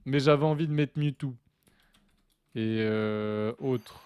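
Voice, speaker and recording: A young man from France casually commentating a live fighting-game match, chatty and joking with his chat, with sudden bursts of excitement. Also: medium pitch, slow, clear, resonant tone. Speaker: esports commentator and stream host.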